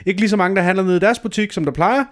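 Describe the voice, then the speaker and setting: Animated, self-mocking Danish storyteller man. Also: high voice. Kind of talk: casual storytelling chat.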